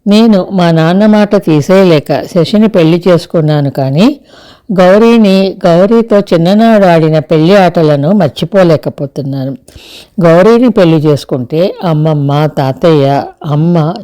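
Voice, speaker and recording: A woman's voice: deep voice, mellow. A woman voicing an earnest, persuasive young man in an audio story, close to her own voice. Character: man, young adult, earnest cousin and husband.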